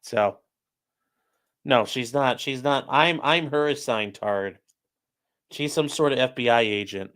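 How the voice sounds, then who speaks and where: A man who streams and does legal commentary chats casually with his livestream audience while building a model, reading viewer comments and answering them with sarcastic, offhand jokes aimed straight at chat. His mid-range voice is a little slow and fairly bright, and he pauses often.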